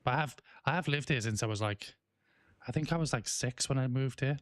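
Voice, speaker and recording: Chatting loosely on a game stream, this thirtysomething Englishman with a Welsh lilt to his English accent reads out chat messages, occasionally coughing or clearing his throat. He talks briskly at a medium pitch, meandering through many fillers and false starts. The recording is dry, with clean studio sound.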